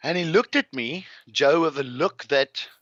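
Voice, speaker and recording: A man's voice: on the high side, unhurried, fairly bright tone, no echo, muffled recording. A man with a South African accent, a guest telling rambling, restless travel anecdotes in a casual interview. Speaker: guest, farmer.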